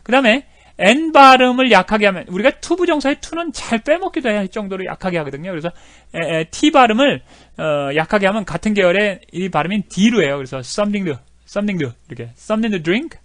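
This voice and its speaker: A middle-aged man explains English phrases in a chatty, filler-heavy way. His voice sits high and swings in lively pitch. The sound is dry and close. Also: fairly quick, no echo. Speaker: English teacher. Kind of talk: explaining lesson with video clips.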